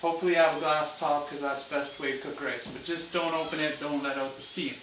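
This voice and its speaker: A man's voice: on the high side, steady tone, fast talker, background noise. Laid-back stoner-like man, muffled echoey recording. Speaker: home cooking show host. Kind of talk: casual unscripted cooking demonstration. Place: home kitchen. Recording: muffled, echoey room, far from mic.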